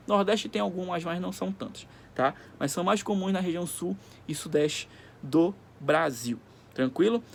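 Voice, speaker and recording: Guy teaching class, kinda high and gravelly, faint hiss behind. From Pará, Brazil. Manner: explains simply, often checks in with "tá?". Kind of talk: recorded classroom lesson.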